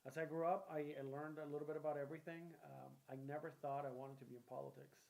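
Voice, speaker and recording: A man in his forties from Puerto Rico, a guest on an interview show, telling his story in a steady, plain way. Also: a little high, fast, creaky. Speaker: guest, political candidate. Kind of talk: interview answers.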